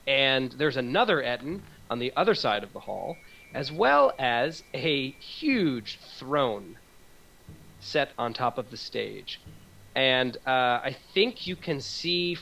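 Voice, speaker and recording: Slow, bright-voiced man narrating a game. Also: medium pitch, big pitch swings, creaky. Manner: halting, descriptive, amused. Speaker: game master. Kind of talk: improvised tabletop game narration. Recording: faint background noise.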